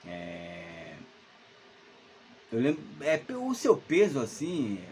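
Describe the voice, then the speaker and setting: A man's voice: medium pitch, huge pitch swings, takes it slowly, a little mellow, slight background noise. A man, telling a spooky childhood story at home in a rambling, hesitant way full of fillers and restarts. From Salvador, Brazil. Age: 50s. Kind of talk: casual spoken ghost story. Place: at home alone.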